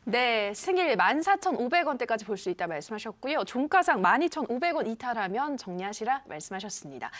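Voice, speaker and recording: A woman's voice: a little high, big pitch swings, fairly quick, hardly any pauses, a bit bright. A woman hosting a stock consultation show, politely summarizing advice and reading out viewers' text messages. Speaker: show host.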